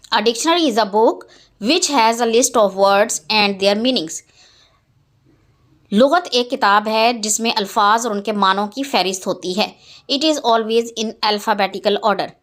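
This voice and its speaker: A woman teaches a young pupils' lesson, reading sentences slowly and spelling words out letter by letter. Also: a little high. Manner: reads English slowly, then explains quickly in Urdu. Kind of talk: exercise walkthrough for young pupils.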